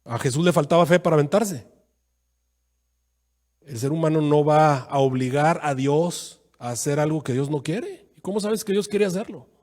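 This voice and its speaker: A man preaching a sermon as pastor, acting out quoted voices with sudden jumps in pitch. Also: normal speed, a little mellow.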